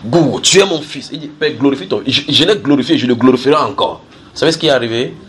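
Speaking at a racing pace in a medium-pitched, slightly bright voice, a man teaches the Bible to an assembled group over a little hiss or hum. Everyday comparisons, repeated key phrases and questions to the audience drive his delivery.

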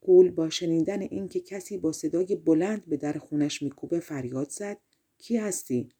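Woman narrator, fairy-tale audiobook, calm measured reading, mellow, breathy. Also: low voice. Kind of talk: storybook narration.

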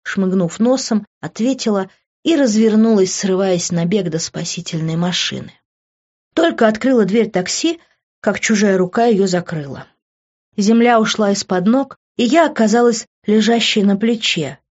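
A woman's voice: medium pitch, moderate pace, a little mellow. Brief: female first-person novel reader, mid voice, muffled recording. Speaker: audiobook reader.

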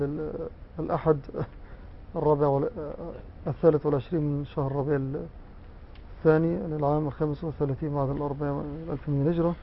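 A man moderating a religious gathering, opening with a formal, steady address. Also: fairly high pitch, slight background noise. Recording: muffled lo-fi recording.

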